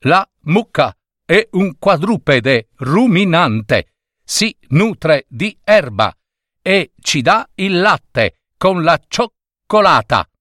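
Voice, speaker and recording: A man's voice: fairly high pitch, big pitch swings, drawn-out words, a bit bright, no echo, studio quality, voice pushed up, exaggerated voice. A man voicing Carolina, a helpful female electric household robot, in a storybook reading, reciting cheerfully.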